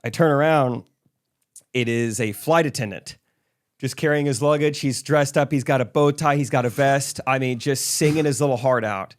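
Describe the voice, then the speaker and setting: Clear-voiced man telling a story. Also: mid-range voice, moderate pace. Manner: animated storyteller, acts out voices. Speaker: podcast co-host. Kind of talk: casual chat, storytelling.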